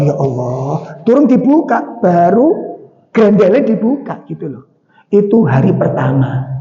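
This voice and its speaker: Javanese-accented preacher, high voice, hall reverb. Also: male voice, dark tone. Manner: chatty storytelling with questions to the audience. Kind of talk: mosque sermon. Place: mosque hall. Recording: dull sound with long hall reverb.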